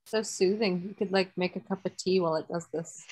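A woman's voice: fairly low pitch, breathy edge, low-quality recording. A woman in a book club on a video call who chats eagerly and jumps in to help spot coding mistakes. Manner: chatty, quick to help, animated. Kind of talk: casual chat on a video call.

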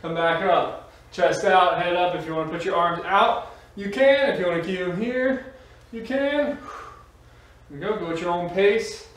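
Bright and high-pitched, a man's voice at a moderate pace coaches aerobics, pushing listeners on and calling brief cues during the exercises. He's a fitness instructor working in a small, bare-walled home gym. The recording has room echo, a distant microphone and faint background noise.

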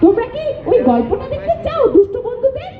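A woman voicing a playful, chatty little songbird puppet in a squeaky voice, in a live children's show. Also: sing-song, quick pace, a crowd in the background. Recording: echoey, dull sound with music.

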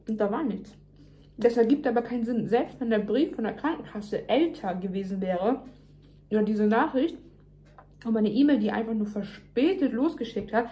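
A woman's voice: mid-range voice, mellow. A young woman venting emphatically in casual chat to her viewers, talking while chewing. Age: young adult. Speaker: vlogger. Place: home kitchen, indoors.

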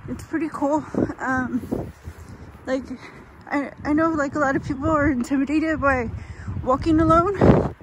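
A middle-aged woman vlogger gives a casual walking-tour chat along a roadside and through a hilly park, her high voice steady in tone but halting and trailing off. She records on a handheld phone held at arm's length, and loud street and wind noise fills the audio.

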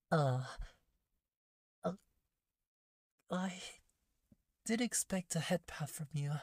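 A woman voicing a shy, flustered catgirl maid in a soft-spoken ASMR role-play, timid, hushed and halting, close to the microphone. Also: sits low, no echo, heavily acted. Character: shy, flustered catgirl maid waitress craving head pats. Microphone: close, dry microphone.

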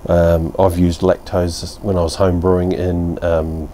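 A slightly slow, warm, low voice with little pitch movement belongs to a New Zealand man in his fifties, and a light hiss or hum runs underneath. Kicking back at his outdoor home bar, he reviews a beer bluntly and rambles, using fillers and mild swearing.

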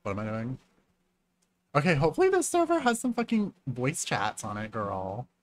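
A man near forty narrating his game session with sass and theatrical flair. His voice leaps from low muttered asides to high squeals, with a lively, swooping pitch. A faint hiss sits under the close mic. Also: moderate pace. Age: late 30s. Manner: sassy, dramatic, calls everyone girl. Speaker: gaming streamer. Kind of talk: casual game commentary.

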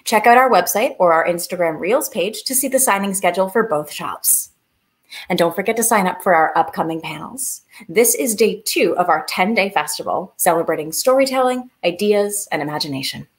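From her living room, a young woman hosts an online festival over a video call, reading scripted announcements with upbeat energy. Her voice is medium in pitch, expressive, and brisk.

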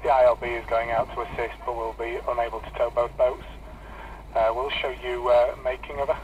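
A man working as a coastguard operator, speaking formal, halting procedure over marine radio. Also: medium pitch, little pitch movement, far from the mic. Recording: dull, faintly noisy VHF radio.

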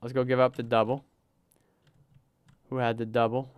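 A man streaming a game, talking along as he plays in a smooth, clear voice. He narrates each move and reads chat aloud at an ordinary middle pitch. The sound is dry and close to the mic. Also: little pitch movement, moderate pace, no echo, lo-fi sound. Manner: chatty, narrates his moves, reads chat aloud, laughs easily. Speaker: livestreamer. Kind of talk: casual gameplay livestream commentary.

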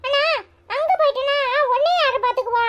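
A woman's voice: brisk, a bit bright, lo-fi sound. Woman as small cartoon boy: Tirunelveli accent, piping voice, chatty, cheeky, caring. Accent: Tirunelveli Tamil. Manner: chirpy, high-pitched childish chatter.

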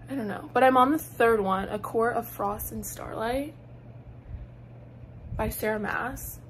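Chatty girl vlogging, lots of "like", kinda high voice. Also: a little hiss or hum. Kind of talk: casual vlog chat.

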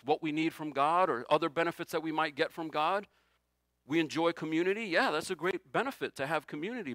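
A man preaching from the pulpit with a bright, forceful voice pitched a little high. He swings between quiet, low asides and sudden excited bursts as he acts out the people he quotes. The sound is close and dry, with little room echo. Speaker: pastor. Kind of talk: sermon. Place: church sanctuary.

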